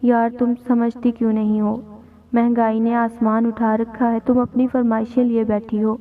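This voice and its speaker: A woman's voice: a little high, flat delivery, lightly acted. A woman reading the part of an irritated, scolding husband in a spoken story. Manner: exasperated, scolding. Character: irritated thrifty middle-aged husband. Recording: tinny lo-fi audio with faint music.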